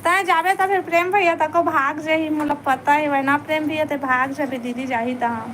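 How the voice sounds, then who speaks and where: A woman's voice: high voice, fairly even intonation, moderate pace, noisy background. A woman with a Chhattisgarhi accent chatting casually on a live stream, coaxing viewers to stay and like the stream. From Chhattisgarh, India.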